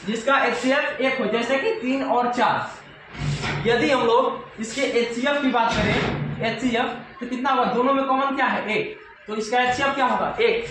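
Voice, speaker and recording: A man's voice: very high voice, a little slow. A young man teaching a maths lesson, repeating key terms and asking and answering his own questions. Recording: very echoey room with faint noise.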